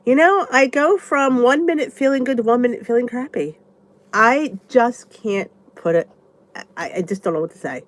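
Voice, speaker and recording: A woman vlogger with a stuffy, congested nose answers viewer comments in a casual live chat, rambling and thinking aloud in a chatty way. Her voice is on the high side at a moderate pace, and the recording is dry.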